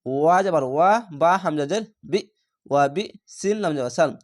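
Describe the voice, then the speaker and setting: A man with a slightly high voice leads a Quran reading lesson. He names each letter and its vowel mark in a patient, even manner. Then he chants the joined word slowly and stretches it out. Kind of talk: spelling-out recitation lesson.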